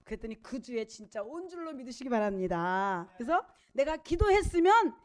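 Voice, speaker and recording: A woman's voice: on the high side, very animated, moderate pace. A middle-aged woman pastor delivering a church sermon in an emphatic, conversational way and weaving in personal stories. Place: church service.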